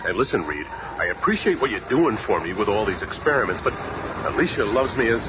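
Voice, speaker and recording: An actor playing a gruff, tough-talking male hero with a blunt, impatient streetwise manner in a 1970s radio drama. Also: lowish voice, very animated, brisk, noisy background. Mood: earnest. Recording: old radio recording with music.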